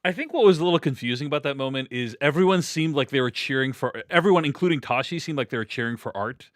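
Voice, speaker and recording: Male podcast host, animated pitch, dry close sound, talks through film scenes casually. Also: quick pace, no echo. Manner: chatty, recapping scenes with lots of "like".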